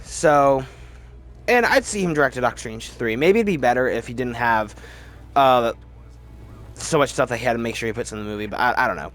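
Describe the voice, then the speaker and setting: A man hosts a casual, opinionated movie ranking video, talking at a fairly quick clip with lively intonation. His voice is medium-pitched and fairly bright, and he rambles along, often repeating words for emphasis.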